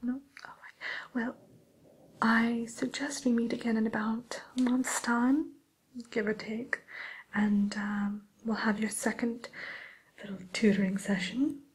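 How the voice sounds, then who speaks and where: A woman voicing a sly, sweetly courteous wicked witch tutor in a hushed, musing ASMR roleplay. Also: fairly high pitch, little pitch movement, poor audio. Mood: coaching, snarky. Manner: hushed, unhurried, hesitant musing, faux-genteel.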